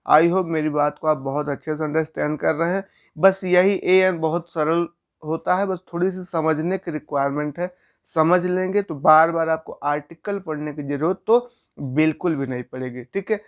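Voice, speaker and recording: A man's voice: on the high side, fairly even intonation, moderate pace. A man teaching a grammar lesson, explaining step by step and asking questions he answers himself.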